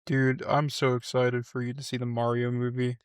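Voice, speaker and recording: A man in his thirties riffing in a casual podcast chat, animated and playful. His voice sits mid-range and sounds close and dry, with little room around it. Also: medium pitch, normal speed, clear, resonant tone, no echo. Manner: animated, joking, says dude a lot. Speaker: podcast co-host.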